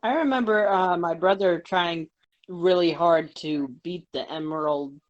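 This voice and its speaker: A woman with a fairly low voice takes part as a guest in a casual chat, asking her questions in a hesitant way. The sound is dull and lo-fi. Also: a little slow.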